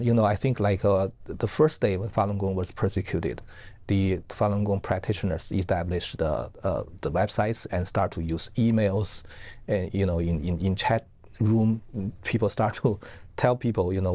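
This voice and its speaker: A man from northeast China, a professor giving earnest, halting, explanatory answers as an interview guest. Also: deep voice, warm tone.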